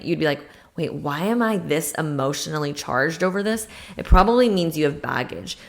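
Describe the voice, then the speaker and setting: A young woman hosting a podcast, talking through advice in a chatty, casual way, often adding "like" and "right?" and acting out short exchanges. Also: sits low. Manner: chatty, fills speech with "like" and "right?"; acts out little dialogues in a brighter voice. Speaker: podcast host.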